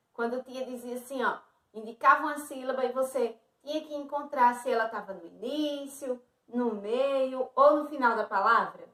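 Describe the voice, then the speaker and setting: A Brazilian woman gives a lesson to small children, speaking in a slow, sing-song, encouraging way. Her voice sits high. The sound is roomy and a little distant from the mic. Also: fairly bright tone. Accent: Brazilian Portuguese. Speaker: teacher. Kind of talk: online lesson for young children. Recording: roomy echo, a bit off-mic.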